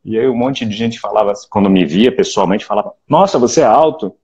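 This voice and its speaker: Man, late 40s, Carioca accent, reflective casual interview, low husky voice, dull lo-fi sound. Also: brisk. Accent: Carioca Portuguese. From Brazil (Rio de Janeiro). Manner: relaxed, reflective, frequent restarts and "né?". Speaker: actor, interview guest.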